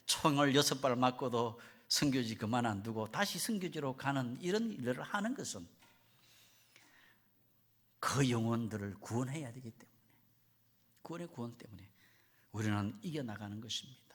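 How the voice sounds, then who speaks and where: A man, a missionary, preaching a sermon and telling stories with lively delivery. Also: mid-range voice, moderate pace, pauses often. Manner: lively storytelling, acts out voices.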